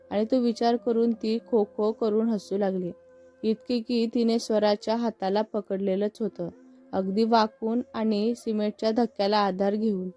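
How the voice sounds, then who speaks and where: A woman storyteller giving a steady, expressive scripted reading of a story. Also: on the high side. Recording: muffled with faint background music.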